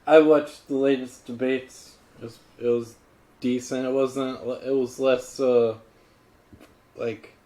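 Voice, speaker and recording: Dry laconic guy on a podcast, talks slow, lots of uh and pauses. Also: mid-range voice. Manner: laconic, deadpan, hesitant. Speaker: podcast host. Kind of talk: casual chat.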